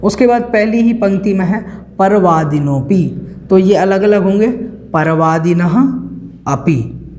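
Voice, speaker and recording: A man teaching a recorded scripture lesson, explaining the text slowly and repeating words to show how they are pronounced. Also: high voice, a little mellow. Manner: slow, careful, repeats words for pronunciation. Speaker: religious teacher.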